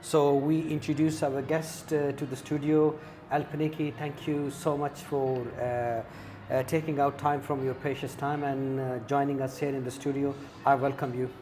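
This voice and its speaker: Halting male interview host. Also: medium pitch, little pitch movement, a little mellow, slight background noise. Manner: halting, many fillers and restarts. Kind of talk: casual interview. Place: coffee shop.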